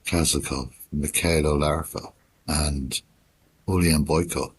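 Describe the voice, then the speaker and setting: A man commentating on sport in a hushed, unhurried golf-commentator manner, with measured, sparse phrases and long pauses. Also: rumbling low, steady tone, breathy edge. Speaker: snooker commentator.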